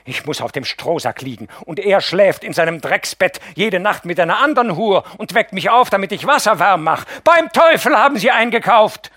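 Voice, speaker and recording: A man's voice: sits high, very animated, slow pace, few pauses, fairly bright tone, no echo, studio quality, voice pushed up, heavily acted. A man reading an audiobook, voicing a bitter, hysterical young woman who hurls frantic accusations.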